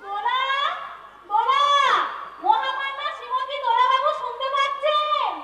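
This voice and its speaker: A woman's voice: very high voice, fairly even intonation, unhurried. A woman acting a family member in an amateur village stage melodrama, declaiming in a hammy theatrical manner. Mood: exasperated, sarcastic. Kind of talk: amateur Bengali jatra stage play. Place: stage performance, distant microphone. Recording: echoey stage, far mic, music and crowd.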